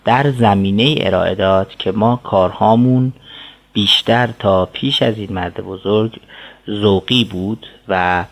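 A man giving a scholarly explanation as a guest, in a formal, deliberate manner. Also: on the low side. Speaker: guest scholar of Persian literature.

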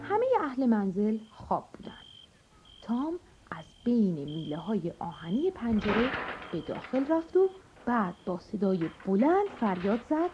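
A woman narrating a children's storybook, expressive and addressing the kids. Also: medium pitch. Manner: animated, expressive. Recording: dull lo-fi audio with music.

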